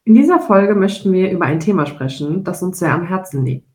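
A woman's voice: lowish voice, lively intonation, a little mellow. Young woman in a roomy echo. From Germany. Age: 20s. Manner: thoughtful, measured, laughs easily. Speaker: podcast co-host. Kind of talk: casual podcast conversation.

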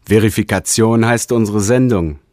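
A man voicing a formal alien expedition leader who gives clipped orders in a raised, louder voice. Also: fairly low pitch, moderate pace, no room sound, clean studio sound, pitched above the performer's own voice, close to an everyday voice. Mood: commanding.

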